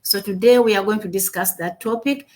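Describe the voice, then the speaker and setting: A Ugandan woman hosts a livestreamed business webinar, chatting casually over a home computer mic on a video call. Her mid-range voice moves a little fast, and her upbeat delivery is full of fillers and repeated words.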